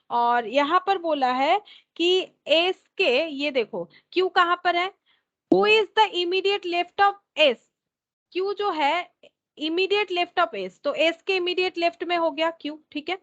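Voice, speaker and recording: A woman teacher with a high voice walks through a problem, repeating each step as she thinks it out. She slips English terms into her explanation. The recording sounds a little dull and lo-fi. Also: a bit bright. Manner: mixes English terms into Hindi. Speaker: reasoning teacher. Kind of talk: explaining a test question.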